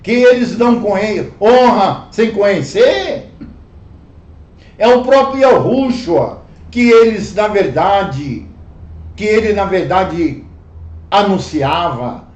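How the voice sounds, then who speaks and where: A Brazilian man teaching a livestreamed Bible study, slow and emphatic, repeating phrases and calling listeners brothers. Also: high voice, animated, a little mellow. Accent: Brazilian Portuguese. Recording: echoey room, dull lo-fi sound.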